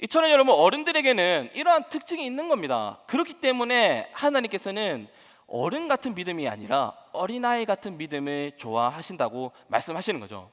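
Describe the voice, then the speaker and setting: A male pastor preaching a sermon to his congregation, animated, asking rhetorical questions and acting out quoted voices. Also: high-pitched, brisk. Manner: acts out quoted voices with laughs. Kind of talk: sermon at a Wednesday service. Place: church sanctuary. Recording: long hall reverb in a church.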